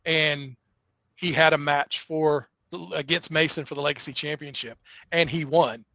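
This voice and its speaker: A man's voice: on the high side, fairly even intonation, unhurried, vocal fry, pushed and bright, dry recording, highs cut off. A middle-aged man, a wrestling promoter, talking earnestly in a casual interview, often restarting his sentences. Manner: earnest, rambling with many restarts.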